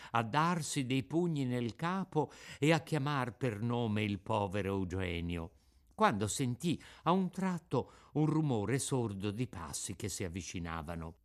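A man's voice: medium pitch, unhurried. Theatrical man reading a classic tale aloud. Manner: expressive, theatrical. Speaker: narrator. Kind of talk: dramatic reading of a classic novel.

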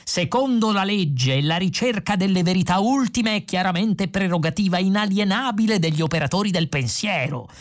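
Imagine an irritable older philosopher put on by a reader, bossy and threatening, his voice lifted above the reader's usual pitch. He blusters, a figure in an audiobook. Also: animated, moderate pace, hardly any pauses, natural voice. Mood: threatening blustering.

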